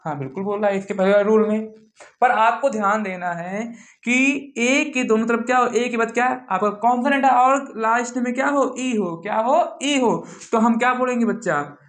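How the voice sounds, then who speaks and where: Teacher, classroom lesson, mid-range pitch, asks and answers own questions, slow repeated words, echoey room. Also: fairly bright tone. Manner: drills by asking questions and answering them itself; repeats words slowly to show pronunciation. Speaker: English teacher.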